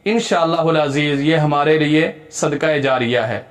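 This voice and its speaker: A man teaching Quran reading, spelling out syllables and then drawing each whole word out slowly, with quick plain explanations between. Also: on the high side.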